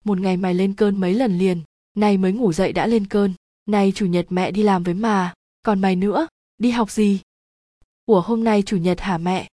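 A woman's voice: mid-range voice, fairly even intonation, normal speed, warm tone, no echo, studio quality, lightly acted. A woman voicing a stern middle-aged mother who scolds her son with sarcastic, blunt remarks in a storybook reading. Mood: scolding.

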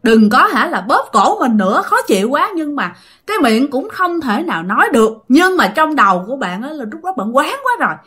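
Woman storyteller, Southern Vietnamese accent, bright and animated, dramatic and chatty with listeners. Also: high-pitched, brisk. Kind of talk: casual ghost story telling.

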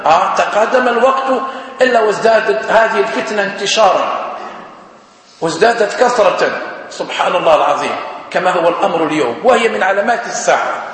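A man's voice: high-pitched, animated, fairly bright tone. Man preaching in an echoey hall. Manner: explanatory, halting, frequent self-corrections and restarts. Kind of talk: religious lecture.

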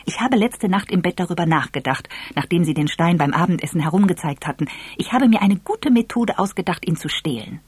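A reader voicing Eve, an excitable and impulsive young woman, with an eager, affected manner. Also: brisk, few pauses, slightly rough, no echo. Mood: eager, teasing. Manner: eager, wheedling, high and affected.

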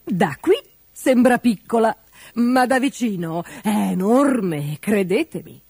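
Woman voicing a boastful ostrich king, pompous, blustering, highish, swooping storybook voice. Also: lively intonation, slow, a little mellow, breathy edge, no room sound, studio quality, exaggerated voice. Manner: blustering, hesitant excuses.

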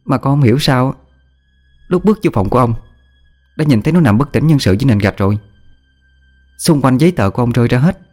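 A man's voice: medium pitch, animated, darkish tone, faint music behind, pitched above the performer's own voice, close to an everyday voice. A man voicing a scheming young female servant who boasts slyly. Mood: sly boastful. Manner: quick boastful chatter.

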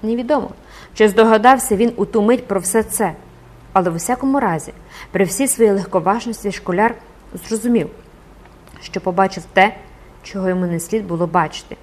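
A woman narrating a classic novel as an audiobook in a measured, expressive reading voice. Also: mid-range voice.

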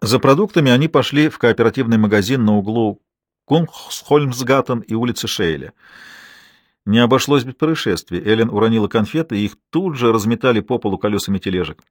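Brief: measured male narrator, medium pitch, dry studio audiobook. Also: animated, dry recording. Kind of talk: scripted narration.

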